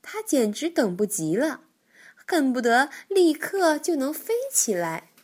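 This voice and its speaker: A woman narrating a children's story in an expressive, gentle way. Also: high voice, measured pace.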